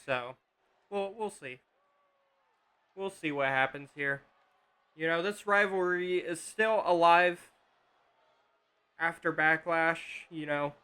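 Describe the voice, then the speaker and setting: A man's voice: a little high, slow, pauses often, pushed and bright, clear, resonant tone. A man casually commenting on a wrestling video game on a live stream, rambling with fillers and restarts.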